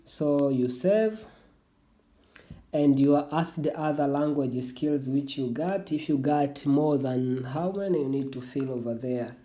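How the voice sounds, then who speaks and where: Speaking in a mellow, mid-range voice, a young adult vlogger whose native tongue is Swahili hesitantly explains an online application. The walkthrough is casual, full of restarts, and viewers get called "family."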